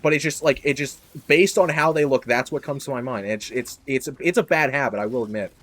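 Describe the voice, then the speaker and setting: Young male podcast host, rambling, self-deprecating, prone to loud outbursts. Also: medium pitch, fairly quick. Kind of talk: casual chat.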